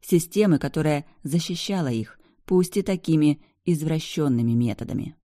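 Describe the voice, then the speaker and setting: Steady audiobook narration, dry sound. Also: mid-range voice, moderate pace, no echo. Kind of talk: scripted narration.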